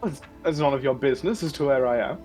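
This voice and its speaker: A man's voice: medium pitch, quick pace, a little mellow, faint music behind, lightly acted. A man voicing an irritable, suspicious noble who snaps questions at an intruder. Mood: curt. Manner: curt, demanding.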